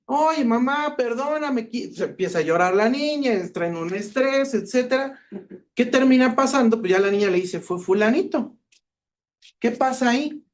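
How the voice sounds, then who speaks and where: Lively Mexican man telling stories. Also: extremely high pitch, normal speed. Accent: Mexican Spanish. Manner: lively storyteller, acts out quoted dialogue. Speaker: cybersecurity expert speaker. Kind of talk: conference talk with anecdotes.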